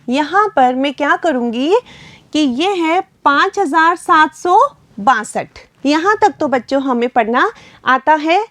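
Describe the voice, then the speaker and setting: A high-pitched woman with a Rajasthani Hindi accent talks slowly and patiently, as a teacher explaining a math lesson to young children. The recording is dry and close, with no room sound. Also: no echo. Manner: patient, addresses children repeatedly. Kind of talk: primary school math lesson.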